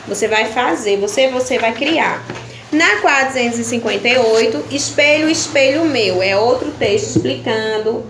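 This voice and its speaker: In this video lesson, a Brazilian teacher with a slightly high voice and lively intonation explains primary-school workbook pages at a normal pace, pausing to check on her pupils after every point. The room echoes, and there's faint background noise.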